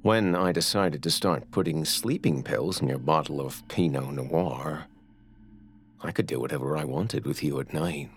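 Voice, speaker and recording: An actor playing a creepy, obsessive male captor who gloats slowly and menacingly over his prisoner in a horror audio drama. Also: very deep voice. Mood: gloating. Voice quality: gravelly.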